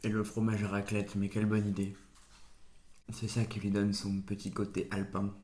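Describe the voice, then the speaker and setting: A man's voice: on the low side, completely flat delivery, normal speed, a little mellow, a little hiss or hum. Man giving playful tasting commentary, roomy. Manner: playful, punning, mock-solemn. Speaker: food reviewer. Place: home, at the table. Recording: roomy echo.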